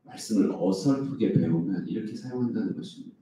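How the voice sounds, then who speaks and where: A man's voice: on the low side, animated, quick pace, mellow, slight background noise. A male pastor preaching an early-morning sermon, asking the congregation rhetorical questions and acting out complaints in a raised voice. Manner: acts out quoted complaints in a raised voice. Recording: echoey hall, speaker far from the mic.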